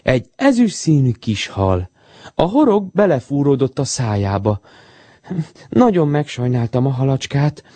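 A man reading a children's story aloud, full of expression and animation. His voice climbs and dips with a lot of life, and the tone is warm and mellow with a slightly husky edge. The sound is dry and close. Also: medium pitch, sing-song, dry recording.

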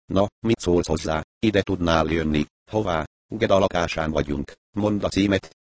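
A chirpy, pushy lawyer of a man, piping his words in a voice lifted above the reader's deep tone, as a male narrator puts him on. The sound stays dry and close in this audiobook reading. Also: dry recording. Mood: eager, chirping.

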